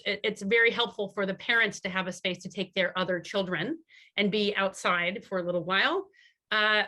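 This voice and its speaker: A woman's voice: medium pitch, bright, forceful tone. A woman on a video call summarizing her breakout group's ideas at a community meeting, with many fillers and restarts.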